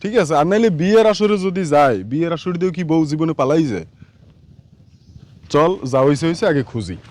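A man acting as a blunt village friend who speaks gruffly and threatens a rival, recorded in a dry space. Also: fairly high pitch, lively intonation, a little fast, darkish tone, no room sound, lightly acted. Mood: consoling.

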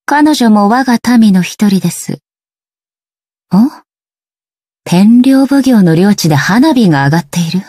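An actress voicing a stern, ageless female shogun deity in a video game, speaking in a formal, measured, detached way. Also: mid-range voice, animated, dark tone, husky, no echo, studio quality. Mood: solemn. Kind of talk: scripted video game character voice lines.

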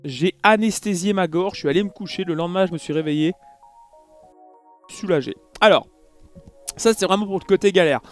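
Male vlogger, higher voice, chatty storyteller who plays out each exchange, faint music bed. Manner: animated, acts out dialogue, many fillers. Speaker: YouTuber recounting an event. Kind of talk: casual storytelling vlog.

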